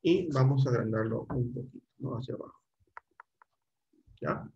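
A man's voice: medium pitch, moderate pace, gravelly, darkish tone, breathy edge, highs cut off. Patient male computer teacher on a call. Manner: patient, step-by-step, checks in often with students. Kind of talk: online class instruction.

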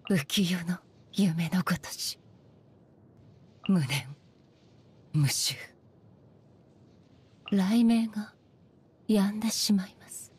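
A woman playing a regal, solemn female shogun and swordswoman in a game, speaking formally and with measured stateliness. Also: mid-range voice, little pitch movement, warm tone, slightly rough. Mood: faint, resigned. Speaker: voice actor. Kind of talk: Japanese anime-style game character voice lines.

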